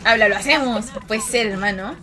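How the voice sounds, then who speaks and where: A woman's voice: on the high side, moderate pace, bright, forceful tone. A woman streaming a game, chatting and joking with viewers and reacting to the play. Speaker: gaming streamer. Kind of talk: casual livestream chat while gaming.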